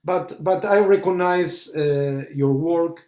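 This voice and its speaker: An Argentinian rabbi speaks haltingly, often pausing to find words, with many fillers and restarts. His voice sits a little high and sounds warm, in a roomy space. He's in a conversational discussion, moving between English and Portuguese.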